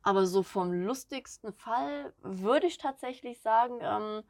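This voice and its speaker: A young woman from northern Hesse who works as a citizen office clerk, chatting through interview answers as an animated storyteller. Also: fairly high pitch, measured pace, no echo, clean studio sound. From northern Hesse, Germany.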